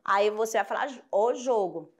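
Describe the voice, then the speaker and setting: A woman's voice: medium pitch, moderate pace. A woman with a Brazilian accent teaching a grammar lesson, patiently repeating examples and often checking that her students follow. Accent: Brazilian Portuguese. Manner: addresses students affectionately.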